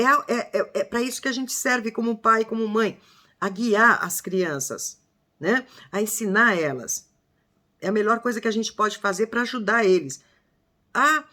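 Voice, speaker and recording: A woman's voice: on the high side, bright, forceful tone. An older woman from Brazil talking casually to her viewers, acting out quoted speech with emphasis. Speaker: vlogger.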